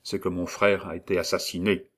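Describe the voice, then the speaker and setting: A man voicing an anxious, hurried young man who speaks in terse, urgent phrases. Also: low voice, little pitch movement, fairly bright tone.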